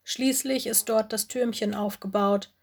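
A woman's voice: medium pitch, fairly even intonation, a little slow, creaky. A woman voicing Lenny, a sensible male bear cub who speaks in an earnest, level-headed way in a storybook reading.

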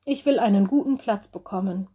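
A woman's voice: medium pitch, a little fast, mellow, husky, close to an everyday voice. A woman voicing a young male wolf cub, wary and anxious, in a storybook reading. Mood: eager. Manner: anxious, insistent.

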